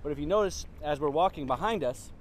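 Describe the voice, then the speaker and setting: A man in his thirties, a car dealership finance manager, walks an outdoor lot chatting upbeat with lots of filler ums for a casual walk-and-talk promo. His slightly high voice is fast and lively, recorded on a phone camera at arm's length with a little hiss or hum.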